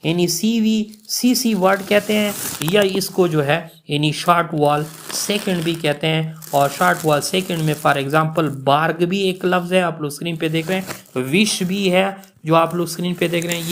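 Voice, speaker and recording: A man explaining English pronunciation rules in an online lecture, mixing with English and reading the English rules slowly, word by word. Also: on the high side, steady tone, fairly bright tone, slight background noise. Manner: explains in Urdu-Hindi, reads English rules slowly word by word, repeats "yani" often.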